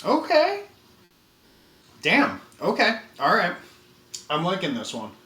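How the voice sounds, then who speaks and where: A man streaming a casual taste test, chatting in a relaxed way and thinking aloud with frequent fillers. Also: high voice, takes it slowly. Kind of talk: casual live-stream chat. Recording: roomy with faint background noise.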